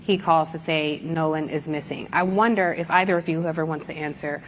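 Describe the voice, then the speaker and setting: A woman interviewer who asks measured questions and gives brief affirmations. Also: low-pitched, steady tone, slight background noise, low-quality recording.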